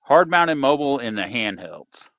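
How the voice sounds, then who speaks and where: A man's voice: mid-range voice, very animated, moderate pace, gravelly, fairly bright tone, dry recording. A man calling in over a sideband CB radio, slightly off-tune, chatting in a laid-back, rambling way as a pilot car driver. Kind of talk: casual chat over the radio. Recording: muffled lo-fi radio transmission.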